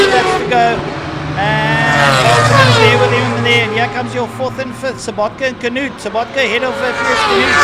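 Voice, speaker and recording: A man giving live motorsport race commentary in a halting way, following the action as it unfolds. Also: very high-pitched. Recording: loud engine and outdoor track noise. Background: motorcycles and vehicle noise.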